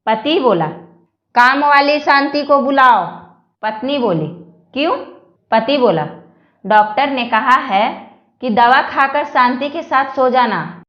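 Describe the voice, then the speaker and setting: Woman, joke reader, high voice, slow delivery, echoey room. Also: muffled recording. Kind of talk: reading Hindi jokes aloud.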